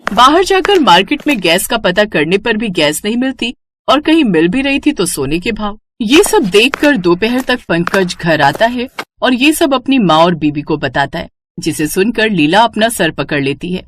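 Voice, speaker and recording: A woman narrating a scripted cartoon story with steady, expressive delivery. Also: medium pitch, moderate pace, slight background noise.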